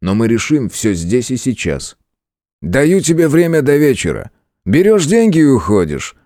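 Brief: domineering young hero in the narrator's own voice, clipped orders, lively pitch. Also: male voice, moderate pace, no echo, clean studio sound, lightly acted. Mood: commanding. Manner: curt, commanding. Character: young lordly male hero, cold and domineering.

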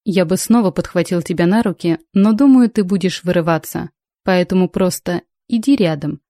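Woman reading as a male space pirate, smug, stubborn, coaxing, warm voice, dry sound, audiobook. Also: lowish voice, moderate pace, no room sound, close to an everyday voice. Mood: self-assured. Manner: coaxing and self-assured.

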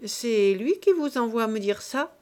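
A woman doing a furious shouting financier. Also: a little high, expressive, moderate pace, lightly acted. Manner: shouting, explosive. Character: furious middle-aged male financier. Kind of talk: audiobook character voice.

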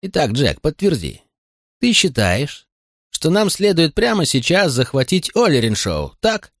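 A man's voice: fairly high pitch, measured pace, vocal fry, no room sound, clean studio sound, voice pushed up, full character voice. A man voicing a firm frontier sheriff. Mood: firm steady. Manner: firm, calming.

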